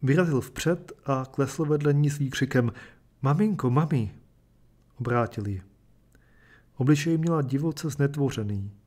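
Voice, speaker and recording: A man reading a short story aloud and then explaining it in a measured, thoughtful way. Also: medium pitch, a little mellow. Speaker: reader and commentator. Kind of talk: literary reading and lecture.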